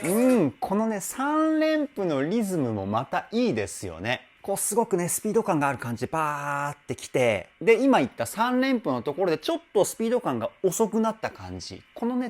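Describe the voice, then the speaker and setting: A man's voice: sits high, huge pitch swings, fairly quick, hardly any pauses. A man hosting a channel as a vocal trainer, breaking down singing in a reaction video with keen, explanatory enthusiasm. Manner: enthusiastic, explanatory, often exclaims how cool it is.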